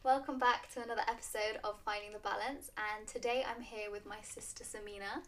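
A woman's voice: mid-range voice, steady tone, fairly quick, a bit bright, far from the mic. A woman in her twenties, a student nurse, hosting a casual chat with her sister in a playful, giggly way. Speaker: podcast host, student nurse.

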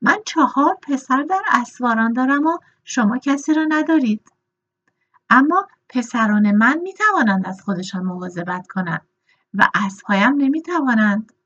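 A woman's voice: fairly high pitch, lively intonation, fairly bright tone, highs cut off, voice pushed up. A woman voicing a frank, opinionated older lady horse breeder who lectures those around her. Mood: scolding.

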